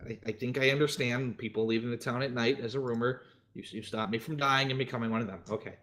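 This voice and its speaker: A man's voice: mid-range voice, fairly even intonation, fast talker, a bit bright, lightly acted. A man voicing a frightened, bewildered young villager who stammers and repeats his words. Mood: shaky.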